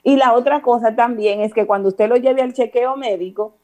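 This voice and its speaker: Middle-aged Dominican woman, slightly high-pitched, patient and teacherly counselor delivering steady advice. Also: normal speed. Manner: calm, didactic, addresses listener formally with repeated examples. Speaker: parenting counselor guest. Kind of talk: advice talk on a radio or online show.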